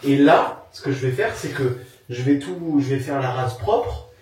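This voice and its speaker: A man's voice: medium pitch, animated, normal speed. A man explaining his renovation work in a casual chat, sounding exasperated. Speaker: renovator, vlog regular. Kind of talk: casual chat while working. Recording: echoey room, far from the mic, loud noise.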